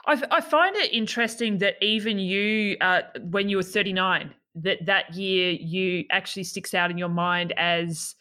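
A woman's voice: mid-range voice, moderate pace, few pauses, bright, forceful tone. A woman hosting an interview, reflecting back on the guest's story with frequent affirming yeahs. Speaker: podcast host. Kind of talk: casual interview conversation.

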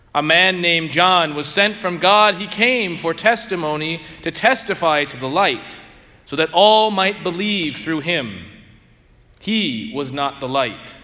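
A man serving as priest, chanting and reading scripture and preaching in a measured, deliberate way in a large church with a cathedral echo. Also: on the high side, pushed and bright. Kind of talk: liturgical reading and homily. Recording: long cathedral reverb.

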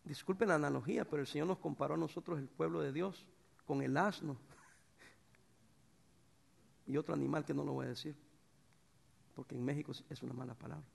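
Animated pastor with a gravelly voice. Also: male voice, a little high, fairly quick, long pauses. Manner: animated preacher, swings from shouts to soft tones. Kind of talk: sermon.

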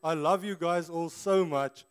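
High, clear-voiced South African Afrikaans preacher man. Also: unhurried. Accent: broad South African, Afrikaans. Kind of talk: informal sermon to a church congregation.

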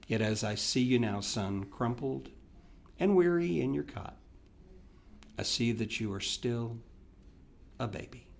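A man reading a heartfelt letter aloud as a podcast host, tender and remorseful, his voice dropping soft on key words. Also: mid-range voice, animated, measured pace, gravelly, pauses often. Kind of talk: dramatic reading of a classic letter.

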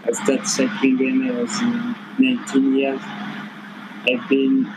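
A man's voice: mid-range voice, completely flat delivery, takes it slowly, background noise. A man in his twenties from Rwanda with a Rwandan accent, introducing himself in short, plain, careful sentences. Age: 20s. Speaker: professional cyclist, guest. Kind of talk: simple spoken self-introduction.

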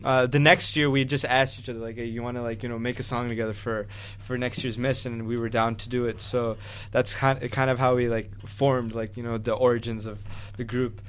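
A man's voice: medium pitch, little pitch movement, fairly quick, few pauses, clear, resonant tone. Laid-back young man explaining. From Chicago area, USA. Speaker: university student and a cappella singer, interview guest. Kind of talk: casual interview answers.

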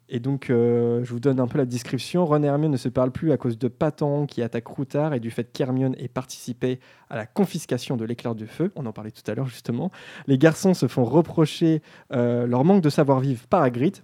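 A man's voice: medium pitch, moderate pace, warm tone. A man hosting a casual group discussion, talking with frequent hesitations and fillers. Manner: hesitant, many fillers, friendly. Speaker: discussion host.

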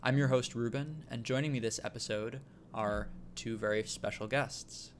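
A man hosting a casual podcast and explaining things in a relaxed way, with frequent ums. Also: mid-range voice, normal speed, a little hiss or hum. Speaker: podcast host. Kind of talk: casual chat.

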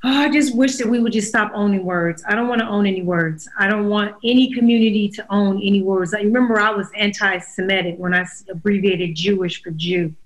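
A woman's voice: mid-range voice, a little fast, few pauses, poor audio. A woman co-hosting a podcast, talking bluntly and profanely in a casual, opinionated rant. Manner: blunt, profane, animated ranting. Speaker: podcast co-host.

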